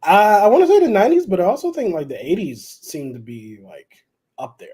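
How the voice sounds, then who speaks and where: A man co-hosting a casual live stream, relaxed and rambling, often restarting his sentences. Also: sits high, fairly quick. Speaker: co-host.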